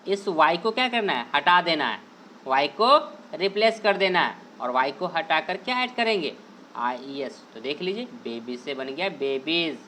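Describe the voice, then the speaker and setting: A man's voice: sits high, bright, forceful tone, a little hiss or hum. Man teaching grammar, asking and answering himself. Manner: asks a question and answers it himself, repeats key points; drawls out key words slowly to stress them. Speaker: online English teacher. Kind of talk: explaining a grammar lesson over on-screen slides.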